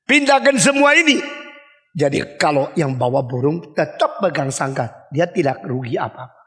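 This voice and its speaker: An older man preaching a lively sermon, asking his listeners questions and acting out the people and animals in his story. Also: medium pitch, normal speed. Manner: animated, acts out voices and dog barks, asks the audience questions. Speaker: pastor. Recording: long hall reverb.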